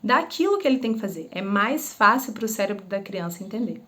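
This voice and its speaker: A woman's voice: medium pitch, sing-song, a little fast, a bit bright. A woman and former teacher talks through parenting advice in an easy, conversational way. She keeps asking rhetorical questions and briefly acts out everyday scenes to make her points. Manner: explains with rhetorical questions and acted-out examples. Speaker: parenting educator; former schoolteacher. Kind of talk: casual advice talk to camera.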